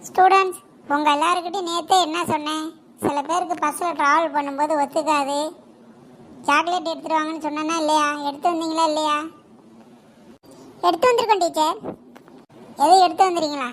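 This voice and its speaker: A woman plays a fed-up cartoon schoolteacher herding pupils on a trip, all exasperated orders and scolding. She speaks with a Kanyakumari Tamil accent in a very high voice. A faint hum sits under her lines. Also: fairly even intonation, brisk, pauses often, a bit bright, poor audio. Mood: lecturing. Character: scolding harried female school teacher. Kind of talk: cartoon voice acting.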